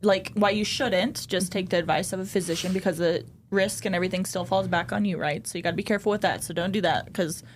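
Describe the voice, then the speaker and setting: A woman's voice: lowish voice, fairly even intonation, quick pace, hardly any pauses, a little hiss or hum. Blunt, profane woman podcast host. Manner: blunt and profane, heated and emphatic. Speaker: podcast host and permanent makeup studio owner. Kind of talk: casual podcast chat.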